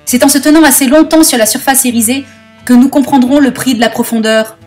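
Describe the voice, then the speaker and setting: A woman reading aloud, putting on the voice of an excited female hostess who gushes about a philosopher. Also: sits high, brisk, faint music behind, pitched above the performer's own voice, natural voice. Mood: gushing. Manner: gushing, excited. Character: bubbly female phone hostess, philosophy buff.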